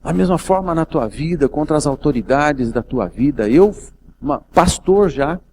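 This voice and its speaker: A man's voice: on the high side, animated, normal speed, a little mellow, a little hiss or hum. A man from Brazil preaching a sermon as a pastor, telling a personal story and rising to emotional intensity. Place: event hall.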